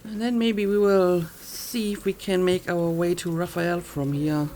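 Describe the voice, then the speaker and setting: A woman's voice: fairly low pitch, fairly even intonation, unhurried, mellow. A woman giving casual let's play commentary, musing and thinking aloud as she goes.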